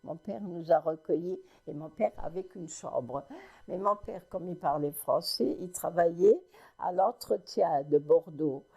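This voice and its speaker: A woman in her nineties from Lorraine in France, recounting family memories in an oral history interview, telling her story haltingly with many restarts. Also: on the low side, creaky, dark tone, slightly rough. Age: 90s.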